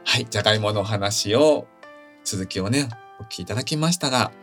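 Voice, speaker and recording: A man hosting a casual radio show, reading a children's story in a gentle, friendly way with soft fillers. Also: on the low side, lively intonation, a little fast, faint music behind. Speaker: radio host and story reader.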